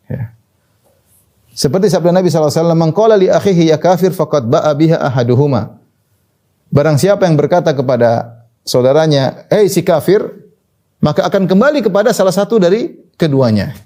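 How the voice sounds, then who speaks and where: Male preacher, animated scolding sermon, warm mellow tone. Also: a little high. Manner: lively, scolding, mixes Arabic quotations.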